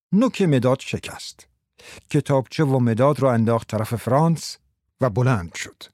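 Man reading an audiobook, steady and measured, mid pitch, really dry close sound. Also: dry recording. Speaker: narrator. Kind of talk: scripted audiobook narration.

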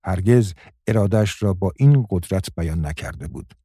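A man reading a story aloud in a measured, calm narration. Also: sits low, breathy edge, no echo, studio quality. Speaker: audiobook narrator. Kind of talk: scripted narration.

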